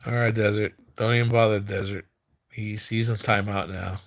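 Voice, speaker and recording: A man in his fifties chats loosely while hosting a live stream, his fairly low voice keeping a mostly even intonation. He mumbles and slurs like his tongue is half numb, hesitating and repeating himself.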